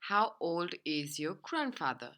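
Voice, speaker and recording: A woman reads short scripted practice questions for a beginner lesson in a plain way. Her voice is bright, and her pitch moves up and down with a lively rise. It sits slightly low for a woman. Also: unhurried. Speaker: dialogue partner in a lesson.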